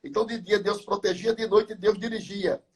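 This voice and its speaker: A man's voice: high-pitched, fairly even intonation, moderate pace, a little mellow, husky. A man in his seventies, a pastor, telling Bible stories with fervor, piling up numbers and wordplay in a live chat. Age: 70s. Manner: fervent storytelling with biblical numbers and wordplay. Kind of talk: preaching chat in a live talk.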